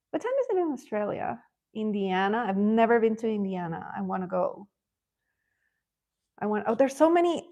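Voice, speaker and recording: A woman's voice: fairly high pitch, darkish tone. A middle-aged woman from Ecuador chatting casually as a livestream host, answering comments while coloring, often laughing and rambling.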